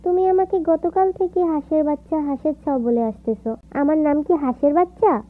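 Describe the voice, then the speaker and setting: A woman's voice: sits high, moderate pace, phone-quality sound, soft background music, natural voice. A woman voicing a childlike young husband who has lost his memory and pesters with innocent questions, in a storybook reading. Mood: pestering. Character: childlike amnesiac young husband, endlessly asking why. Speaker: story reader voicing a character. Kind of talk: storybook reading with voiced characters.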